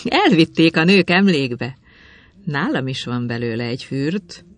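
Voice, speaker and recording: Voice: mid-range voice, very animated, close to an everyday voice. A storyteller voicing an adoring, submissive woman in love. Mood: bright.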